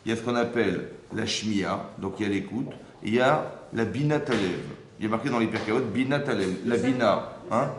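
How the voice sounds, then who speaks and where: There's a noisy background as a man with a fairly low voice speaks a little fast, with few pauses. He's teaching an interactive religious lesson to a small group, asking questions, checking in with listeners and often repeating words as he hunts for phrasing, in a roomy room with faint ambience.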